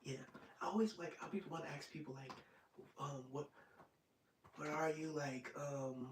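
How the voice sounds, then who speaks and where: A man of twenty-five hosting an ASMR live stream, chatting casually and rambling, sometimes dropping into soft whispers. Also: fairly high pitch, moderate pace, recorded from a distance. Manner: rambling and relaxed, drops into soft whispers at times. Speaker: ASMR channel host. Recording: roomy, off-mic sound with faint noise.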